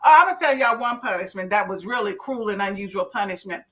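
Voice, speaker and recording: A middle-aged woman hosting a casual live stream, telling animated stories and reading viewers' comments aloud with folksy asides. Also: mid-range voice, fast. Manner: animated storyteller, laughs often, folksy asides. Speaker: livestream host.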